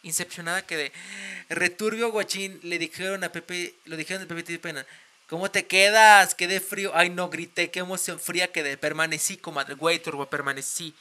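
Playful young Mexican streamer, bright and dramatic, prone to shrieks. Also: male voice, sits high, steady tone, moderate pace. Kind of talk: casual live stream chat.

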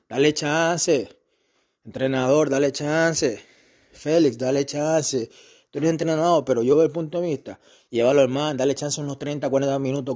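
A man's voice: fairly high pitch, warm tone. A man with an Ecuadorian accent giving a heated, profane rant about football. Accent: Ecuadorian Spanish. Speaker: football fan commentator. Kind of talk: angry rant.

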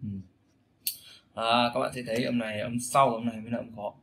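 Male teacher, bright tone, drills vowel sounds by repetition, casual lesson. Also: medium pitch, flat delivery, fast talker. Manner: repeats sounds and phrases many times, demonstrating vowels. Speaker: English pronunciation teacher.

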